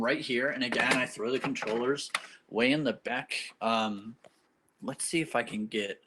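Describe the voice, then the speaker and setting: A man's voice: mid-range voice, bright, forceful tone, slightly rough. A young man in his own game room, rambling with lots of ums as he shows his gear to a phone camera. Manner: rambling, many ums and uhs. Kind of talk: casual show-and-tell.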